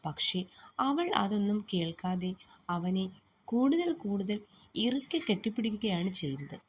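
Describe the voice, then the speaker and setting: A woman narrating a romantic story and softly reading both lovers' lines herself. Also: mid-range voice, a little hiss or hum.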